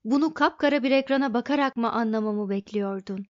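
A woman's voice: fairly high pitch, a little fast, a little mellow, dry recording, muffled recording, natural voice. A woman voicing a skeptical, sarcastic male space traveler. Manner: sarcastic, grumbling.

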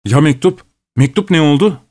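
A man's voice: a little high, moderate pace, a little mellow, no echo, voice pushed up, lightly acted. Man playing fussy nervous clerk, middle-aged, wheedling, explosive temper, dry close sound. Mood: exasperated. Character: anxious, fussy middle-aged male clerk, easily enraged.

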